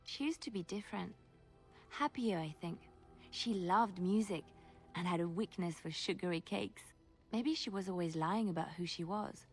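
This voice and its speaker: An actress playing a gentle, romantic young woman companion in a video game, speaking in a reflective, poetic way. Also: lowish voice, moderate pace, slightly rough, soft background music. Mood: nostalgic. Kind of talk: video game dialogue acting.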